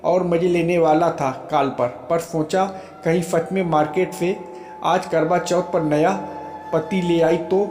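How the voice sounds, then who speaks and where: A playful young soldier who keeps teasing his wife with a grin in his voice, read by a male narrator. The tone is fairly high and unhurried. A roomy echo carries it, and soft music plays beneath. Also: steady tone, natural voice. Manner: joking, teasing, laughing.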